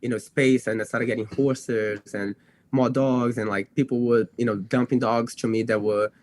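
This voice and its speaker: As a podcast guest, a young dog trainer from Brazil, whose native language is Portuguese, recounts his own experiences in a loose, casual way. His mid-range voice is steady and a little mellow at a normal speed, and his talk rambles with constant self-corrections and many instances of "you know" and "like."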